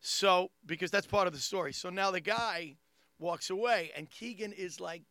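A man with a thick Long Island accent telling a casual comic story, repeating phrases haltingly and acting out the dialogue. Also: high-pitched, pushed and bright, no room sound. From Long Island, New York. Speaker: comedian.

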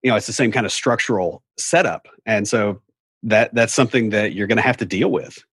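Husky middle-aged man with an Appalachian accent. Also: lowish voice, a little fast, fairly bright tone, dry recording, studio quality. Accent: Appalachian hillbilly, Southern US. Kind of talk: casual conversational explaining.

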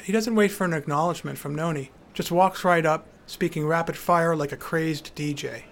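A man's voice: fairly high pitch, normal speed, gravelly, fairly bright tone, slight background noise. A man narrating his memoir in a wry, dryly humorous way.

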